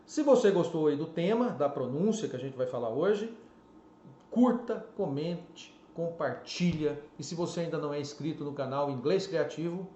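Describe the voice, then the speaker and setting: A fairly high-voiced Brazilian man with a Brazilian Portuguese accent gives a casual online teaching lesson, punching out each example word and tagging his sentences with little checks. The sound is roomy and a bit dull, with faint ambience behind him. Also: moderate pace, slight background noise. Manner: animated, stresses example words, frequent "né?" and "ok?". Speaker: English teacher.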